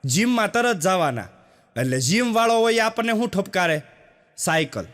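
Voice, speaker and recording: A man's voice: sits high, expressive, normal speed, a bit bright. A man from doing folksy stand-up storytelling, with a chatty manner that speaks straight to the audience. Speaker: stand-up comedian.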